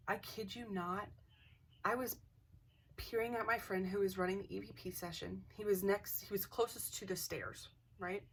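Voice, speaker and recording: With a low, creaky, slightly rough voice, a woman who hosts a craft channel recounts a ghost encounter of her own on camera. She's animated and casual, voicing the dialogue and occasionally whispering, and she sits a bit distant from the microphone.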